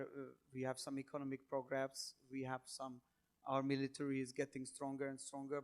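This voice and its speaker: A man with a Hungarian accent, his voice a little higher than most men's, answers questions at a conference panel. He speaks English as a second language, pausing often with fillers and rebuilding his sentences as he goes. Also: clear, resonant tone. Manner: hesitant, many fillers, halting non-native phrasing. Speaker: panel guest, government minister.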